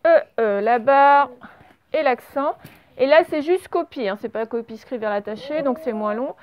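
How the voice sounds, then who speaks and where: A woman teaching young children a spelling and dictation lesson, speaking slowly and patiently and spelling words out letter by letter. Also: high-pitched. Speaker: primary school teacher. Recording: slightly dull, lo-fi home recording.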